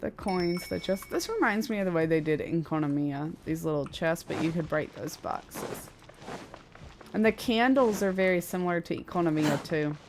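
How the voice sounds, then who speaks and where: Background noise and game music accompany a woman livestreaming her gameplay. She chats casually in a lowish voice at normal speed, rambling and thinking out loud as she plays.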